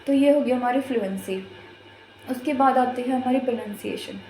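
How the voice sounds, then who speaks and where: A woman's voice: fairly high pitch, moderate pace, darkish tone, roomy sound, faint music behind, poor audio. A woman giving a patient, step-by-step lesson as an exam prep teacher, repeating her points as she explains.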